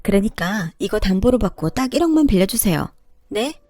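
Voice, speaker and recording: A woman's voice: mid-range voice, sing-song, no room sound, studio quality. A woman voicing a desperate middle-aged sister-in-law who begs insistently for a loan. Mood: pleading. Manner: begging, rushed and insistent.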